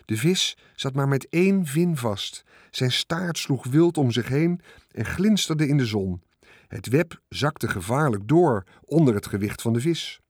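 A man's voice: medium pitch, animated, a little slow, no room sound, studio quality, voice pushed up. A man voicing a kind, clever female spider who gives orders and tells stories. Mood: storytelling.

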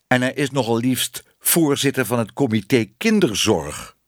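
A man voicing an upset mother who speaks with slow, grave emphasis, in a dry recording. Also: mid-range voice, lively intonation, dry recording, natural voice. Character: Bibi's mother, upset and serious woman.

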